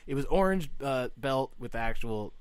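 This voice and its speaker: A man co-hosting a casual podcast, bantering and throwing in quick reactions. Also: medium pitch, animated, clean tone, dry recording. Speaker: podcast co-host. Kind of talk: casual chat.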